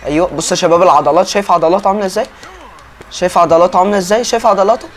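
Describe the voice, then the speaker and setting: This gaming YouTuber, a young man with an Egyptian Arabic accent, talks fast over his gameplay in a voice pitched a bit high. His tone is casual and chatty, and he often turns to speak to his viewers. A faint hiss or hum is audible.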